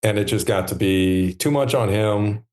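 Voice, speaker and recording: A man in his thirties, a podcast guest talking in a relaxed, reflective way with many pauses and fillers. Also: lowish voice. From United States. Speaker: podcast guest, stand maker. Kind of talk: relaxed conversational interview.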